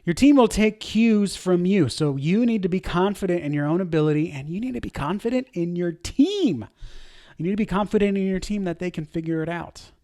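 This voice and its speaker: A man talks through a lesson for church media teams in a loose, chatty way, poking fun at himself as he goes. He acts out panicked and calm example voices to make his point. His voice sits a little high for a man. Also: brisk. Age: adult. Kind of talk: casual teaching talk to camera.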